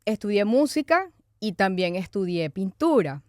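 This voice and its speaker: Woman, interview guest, clear smooth voice, dry close mic. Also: mid-range voice, very animated, measured pace, no echo. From Venezuela. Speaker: guest, author and speaker. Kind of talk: conversational interview.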